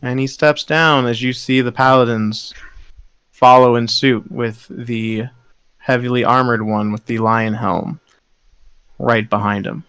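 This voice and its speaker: Man, game master, slow narration, smooth voice, dry recording. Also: mid-range voice, steady tone, fairly bright tone, dry recording.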